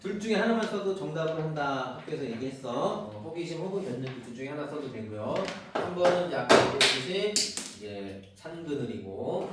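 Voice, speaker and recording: A man's voice: fairly high pitch, very animated, brisk. A middle-aged man from Seoul lecturing a class as a cram school literature teacher, casual and teasing, often checking in with "right?". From Seoul, South Korea. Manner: casual and chatty, teasing, keeps asking "right?". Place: large classroom. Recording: echoey classroom from far off, faint noise.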